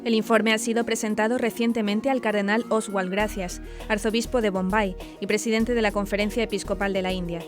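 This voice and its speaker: A woman news presenter with a mid-range, steady voice reads her script in a formal, measured way. Background music is clearly audible.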